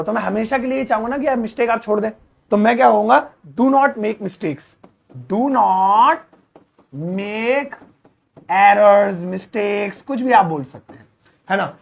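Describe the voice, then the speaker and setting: Gravelly high-voiced man teaching a class. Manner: explains with repeated slow examples and chatty asides. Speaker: English teacher. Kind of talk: classroom lesson.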